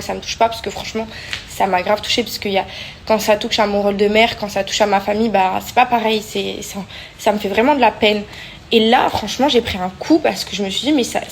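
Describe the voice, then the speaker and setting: A woman's voice: mid-range voice, slight background noise. A young woman vlogging casually, talking with many hesitations and fillers. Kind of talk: casual vlog chat.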